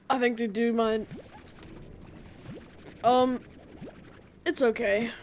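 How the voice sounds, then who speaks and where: Woman with hiccups, unhurried let's-play commentary, talks to game critters, bursts of excitement. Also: a little high, slight background noise. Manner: chatty, talks to game creatures, sudden excited outbursts. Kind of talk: casual gameplay commentary.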